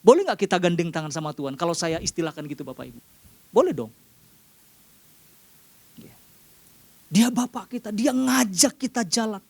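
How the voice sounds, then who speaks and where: A man with an Indonesian accent preaching a sermon to a congregation, often calling out to them and rising sharply in pitch for emphasis. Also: animated, moderate pace, creaky, long pauses, no room sound.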